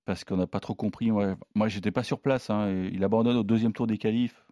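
A man giving tennis tips in casual chat, animated, with laughing asides and hesitant fillers. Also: lowish voice, fairly quick, no room sound, studio quality. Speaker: tennis pundit.

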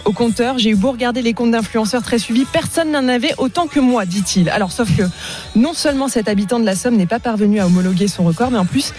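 A woman telling a news story as a columnist on a live radio show, in a brisk, amused storytelling manner. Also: a little high, a little mellow, faint music behind.

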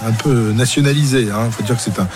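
Co-commentateur automobile, homme au ton familier. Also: male voice, medium pitch, fast talker, a little mellow, a little hiss or hum. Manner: colloquial, plain-spoken. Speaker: motorsport co-commentator. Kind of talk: casual live motorsport commentary.

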